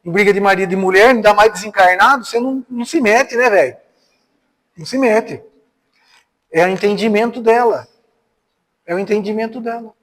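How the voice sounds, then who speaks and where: A man's voice: high voice, fairly quick, long pauses, a bit bright. A Brazilian man giving a spiritist lecture, telling personal stories in a conversational way and asking the audience rhetorical questions. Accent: Brazilian Portuguese. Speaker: spiritist speaker. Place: spiritist center hall. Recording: reverberant hall.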